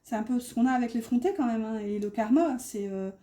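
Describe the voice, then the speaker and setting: Woman tarot reader, slight northern French accent, mellow tone, hesitant casual delivery, echoey room. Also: fairly high pitch, a little fast. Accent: northern French (ch'ti). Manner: hesitant, many fillers, talks through card meanings. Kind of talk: casual tarot reading to viewers.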